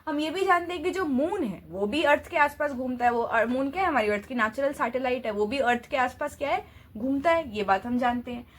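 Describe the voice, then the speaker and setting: Woman teacher, high voice, patient classroom explainer who poses questions and restarts phrases. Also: expressive, fairly quick. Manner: explains step by step with rhetorical questions; mixes English terms into Hindi. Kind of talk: classroom physics lesson.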